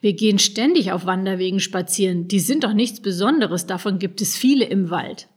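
A woman's voice: medium pitch, brisk, husky, natural voice. A woman voicing a skeptical, cheeky young boy who scoffs, in a storybook reading. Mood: scoffing.

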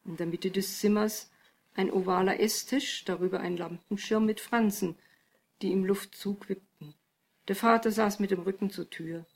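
Calm woman narrating a story. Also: mid-range voice, moderate pace. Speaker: audiobook narrator. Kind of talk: scripted narration.

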